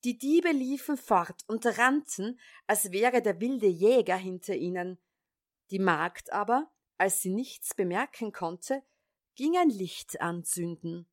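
A woman reading a fairy tale aloud as storyteller, calm and measured. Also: mid-range voice, no echo, clean studio sound.

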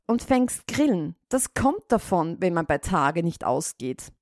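A woman's voice: on the low side, very animated, a little slow, a little mellow, no echo, clean studio sound. A woman voicing a sly, greedy female cat in a storybook reading, with a smug, honeyed manner.

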